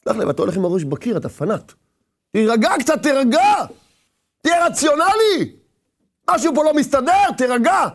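A man's voice: extremely high pitch, sing-song, full character voice. A man doing a scoffing secular mocker. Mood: mocking. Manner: mocking, exasperated, shouting.

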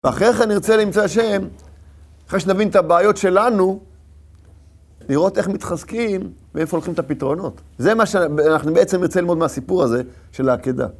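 A man delivers a Torah lesson in a high, gravelly voice. He tells the story through rhetorical questions and returns to the same phrases again and again. His delivery is that of a teacher working through a sermon.

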